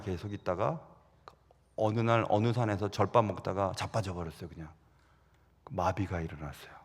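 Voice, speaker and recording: A middle-aged man preaching a Sunday sermon, telling stories with sudden loud rises and soft drops. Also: lowish voice, in a large hall. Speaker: pastor. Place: large church sanctuary.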